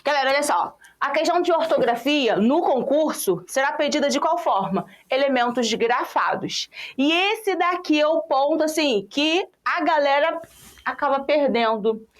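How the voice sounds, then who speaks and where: A young Brazilian woman teaching an online exam-prep class in a lively, playful way, teasing her students by name. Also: sits high, moderate pace. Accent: Brazilian Portuguese.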